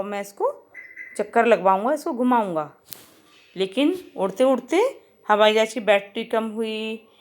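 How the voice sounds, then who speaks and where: A woman teacher telling and explaining a children's story to her pupils, repeating each part in simpler words. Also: mid-range voice. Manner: retells each line twice, explaining.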